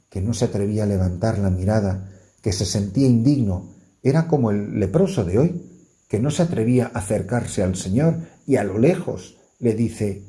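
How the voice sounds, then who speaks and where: A man's voice: on the low side, warm tone. A man preaching as a priest, earnest, with rising emphasis on key words and a faint music bed behind. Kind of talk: sermon.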